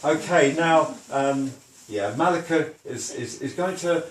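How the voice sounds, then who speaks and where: A man moderating a public talk, halting and full of fillers. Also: fairly high pitch, far from the mic. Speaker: event moderator. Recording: echoey hall with loud background noise.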